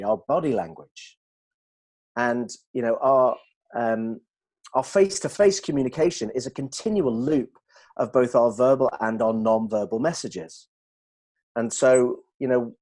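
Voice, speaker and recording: A middle-aged man talking as a communication trainer, steady and explanatory. His voice sits at an ordinary middle pitch, and he keeps a teaching manner as he talks. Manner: steady, explanatory, demonstrates tones of voice. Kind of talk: explanatory discussion.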